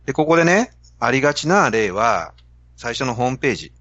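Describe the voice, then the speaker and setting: A man's voice: mid-range voice, sing-song, fairly quick, fairly bright tone, no echo, lo-fi sound. A man with a Kansai accent, hosting a podcast and telling a story to explain a business idea. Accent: Kansai Japanese. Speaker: podcast host. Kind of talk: casual podcast talk.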